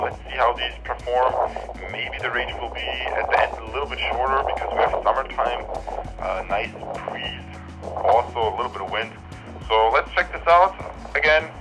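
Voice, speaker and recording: Heard through walkie-talkie radio, a man with a mid-range voice runs a range test for a product review, saying his lines over and over. The low-quality, band-limited audio has music playing in the background.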